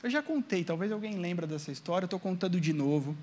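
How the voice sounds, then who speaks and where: A man's voice: high-pitched, lively intonation, fast, darkish tone. A Brazilian man preaching a sermon, telling a personal testimony in a storytelling way and speaking straight to the congregation. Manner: storytelling, acting out his own past prayers and quotes; addresses the congregation directly, asking amen. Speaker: pastor.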